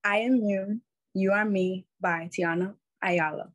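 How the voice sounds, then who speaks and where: A woman's voice: mid-range voice, steady tone, a little slow, dry recording. Woman reading stage directions, dry sound.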